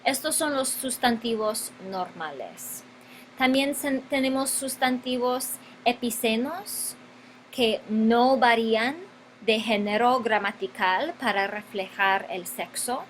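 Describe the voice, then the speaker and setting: A woman's voice: fairly high pitch, slow, a little hiss or hum, rough recording. A woman teaching a grammar lesson, stretching out key words and repeating them for her students. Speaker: Spanish teacher.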